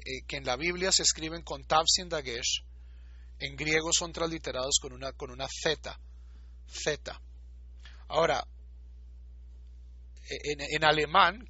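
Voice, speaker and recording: A man's voice: a little high, bright, forceful tone, husky, no echo, lo-fi sound. A man giving a recorded lecture, explaining patiently and repeating words to show how they are pronounced. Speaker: teacher.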